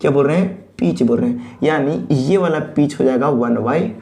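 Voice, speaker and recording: A man's voice: medium pitch, moderate pace, gravelly, mellow. A man giving a technical lecture who asks questions and answers them himself, repeating key terms and mixing in English phrases. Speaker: teacher. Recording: echoey room.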